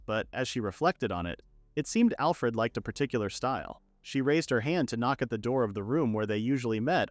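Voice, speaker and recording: A man narrating a story in a steady, scripted storytelling voice, retelling every line of dialogue himself. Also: medium pitch, no room sound. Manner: steady storytelling, all dialogue retold in third person. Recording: dry close voice-over with faint music.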